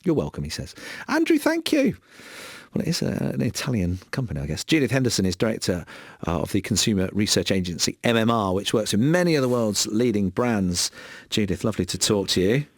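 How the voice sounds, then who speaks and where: Chatty radio host with lively pitch. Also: male voice, fast talker, dry recording. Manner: chuckling, chatty, reads listener texts aloud. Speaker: radio presenter. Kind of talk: casual radio chat. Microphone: studio microphone.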